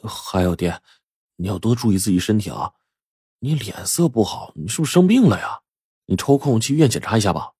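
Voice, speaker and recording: A man voicing a desperate teenage son who pleads and cries in a strained, shouting voice. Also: fairly low pitch, big pitch swings, brisk, slightly rough, dry recording, studio quality, heavily acted. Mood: earnest. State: crying.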